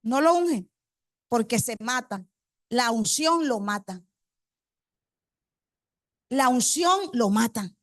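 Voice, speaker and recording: High-voiced woman preaching a sermon. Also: lively intonation, takes it slowly, long pauses, no echo, studio quality. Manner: quizzes the congregation with rhetorical questions; repeats key phrases for emphasis. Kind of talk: congregational sermon.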